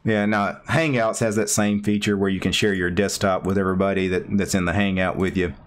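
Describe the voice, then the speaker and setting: A man hosting a casual video-call chat, talking in a relaxed, rambling way with plenty of fillers. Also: deep voice, brisk. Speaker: host.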